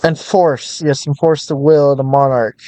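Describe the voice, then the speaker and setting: A young man playing a game, reading its story text slowly like a storybook and breaking into loose, swearing commentary. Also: mid-range voice, steady tone, mellow, dry recording. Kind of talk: casual let's-play commentary.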